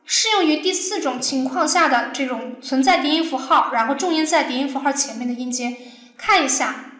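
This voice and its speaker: Female teacher, high voice, patient step-by-step lesson delivery with questions to the class; echoey room. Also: a little fast, a bit bright. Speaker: Arabic teacher. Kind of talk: recorded language lesson.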